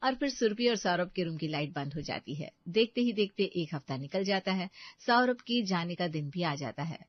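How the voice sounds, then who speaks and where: A woman narrating an animated family story, engaging and speaking directly to the listeners. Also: on the low side, moderate pace, no echo. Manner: warm, engaging, addresses listeners. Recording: dry, slightly dull lo-fi audio.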